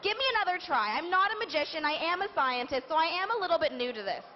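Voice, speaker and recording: High-voiced woman doing kids' party magician patter. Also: lively intonation, fast talker. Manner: kids' party magician patter, playful, addressing children and prompting them to join in. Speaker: children's science and magic show presenter. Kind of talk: live children's stage show patter. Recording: muffled live event recording, noisy crowd. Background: crowd of an audience, background noise.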